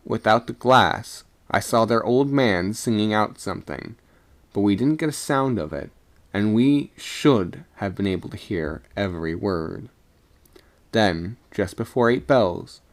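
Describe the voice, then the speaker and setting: A man voicing a chatty, puzzled ship's third mate in a storybook reading, conversational and halting as he recounts what he saw. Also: on the low side. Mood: puzzled, emphatic. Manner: conversational, halting, self-correcting. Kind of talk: first-person storybook narration.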